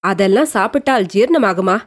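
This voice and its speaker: A woman's voice: medium pitch, lively intonation, normal speed, lightly acted. A woman voicing a devoted younger sister who asks eager questions.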